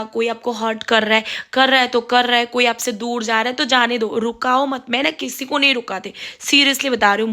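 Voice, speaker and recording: Young adult woman, slightly raised pitch, frank and repetitive, chatting to camera while cooking. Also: pushed and bright. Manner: frank, advice-giving, repetitive phrasing. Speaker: vlogger. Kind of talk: casual monologue to camera.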